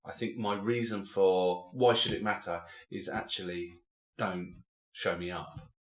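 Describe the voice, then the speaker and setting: A man in his forties from England chats on a podcast, with animated stories full of restarts and fillers. His voice sits a little low. The room around him has a noticeable echo. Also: a little slow. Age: 40s. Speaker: podcast co-host. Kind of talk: casual chat.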